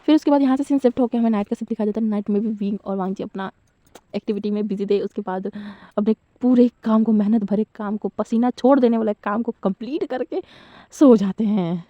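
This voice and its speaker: A woman's voice: mid-range voice, a little fast, dark tone, dry recording. A woman casually retelling a fan fiction story in a chatty, giggly way with loose fillers. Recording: slightly dull lo-fi recording.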